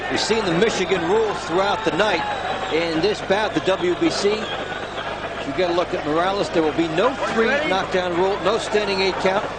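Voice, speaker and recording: A roaring crowd and heavy arena noise sit behind a male boxing commentator. His voice is high, and he calls the fight live in short, factual phrases. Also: moderate pace. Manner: clipped, factual, stat-laden phrasing.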